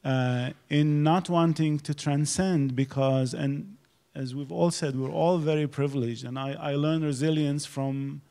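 Gravelly older man. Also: on the high side, steady tone, warm tone. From Iraq. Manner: thoughtful, halting restarts, earnest. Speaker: poet on a panel. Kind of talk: reflective panel discussion. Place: auditorium stage. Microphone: handheld mic.

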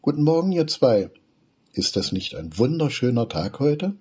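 A man's voice: sits low, expressive, moderate pace, warm tone, slightly rough. A man reading aloud and voicing a sighing, wistful old gnome grandfather. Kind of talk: storybook reading.

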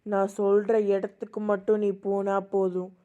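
A woman voicing a scheming older woman who calmly gives orders in an amateur voice drama. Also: medium pitch, normal speed, dull audio, natural voice. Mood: commanding. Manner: calm, commanding, instructive.

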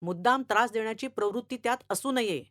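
A woman voicing a stern, irritable male schoolteacher who scolds and lectures loudly in a read-aloud story. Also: fairly high pitch, fast talker, no echo, studio quality, natural voice. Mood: lecturing. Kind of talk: storytelling reading.

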